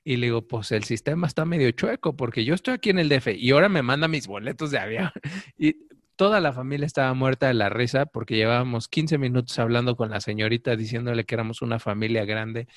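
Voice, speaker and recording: A middle-aged Mexican man tells stories in a relaxed chat and slips into the people he quotes. His voice sits at a middle pitch. The sound is dry and close, with no room echo. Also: fast. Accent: Mexican Spanish. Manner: animated storyteller, acts out quoted voices. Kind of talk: casual chat.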